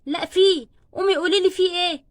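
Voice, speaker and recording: A woman with an Egyptian Arabic accent voicing a worried mother who coaxes her daughter and gently scolds her. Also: extremely high pitch, fairly even intonation, quick pace. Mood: coaxing. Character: worried, coaxing mother of a schoolgirl.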